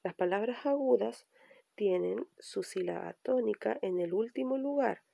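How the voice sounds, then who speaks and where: A woman's voice: medium pitch, animated, measured pace, vocal fry, warm tone, no room sound. A woman teaching a recorded language lesson, patiently explaining and restating each point. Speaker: primary school teacher.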